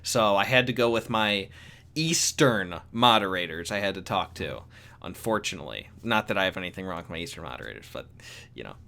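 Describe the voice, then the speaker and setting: Young male YouTuber, low-ish bright voice, rambling, restarts often, excitable. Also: fairly quick, creaky. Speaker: YouTube manga commentator. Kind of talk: casual solo review chat.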